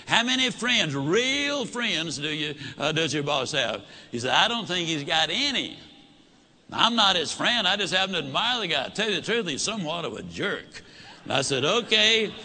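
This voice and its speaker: A man's voice: a little high, pushed and bright. A man giving a motivational talk, telling a story and acting out both sides of a conversation. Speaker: motivational speaker.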